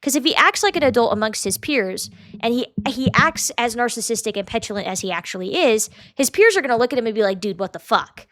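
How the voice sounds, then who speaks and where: A young woman hosting a podcast, giving blunt, profane, animated commentary and sometimes mocking people with quick impressions. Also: on the high side, dry recording, clean studio sound. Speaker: podcast host. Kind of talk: casual commentary.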